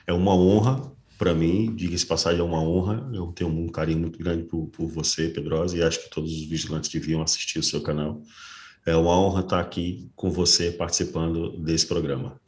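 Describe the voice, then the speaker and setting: A man's voice: deep voice, flat delivery, fairly quick, darkish tone, echoey room. A man, a security guard telling his story earnestly as a guest in an interview. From Brazil. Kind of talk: casual interview.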